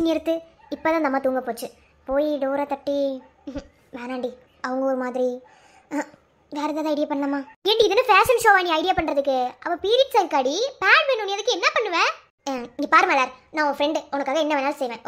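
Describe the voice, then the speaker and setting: A woman's voice: high-pitched, fairly even intonation, close to an everyday voice. A woman voicing a chatty, bossy young college girl in a cartoon, with a Madurai Tamil accent and a scolding, teasing manner. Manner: scolding, teasing, quick banter. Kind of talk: cartoon voice acting.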